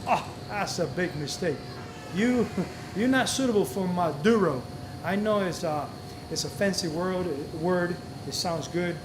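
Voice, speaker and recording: This high-pitched man, speaking English as a second language, leads a live cigar class inside a cigar shop, where he guides people patiently and goes over important points more than once. Background noise, crowd chatter and echo fill the room.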